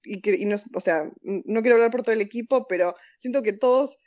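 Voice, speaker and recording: An interview guest with a Rioplatense Argentine Spanish accent speaks fast in a fairly high, slightly mellow voice, recounting personal anecdotes in a loose, slangy way. She was born in Argentina and grew up in several countries, and the audio is muffled.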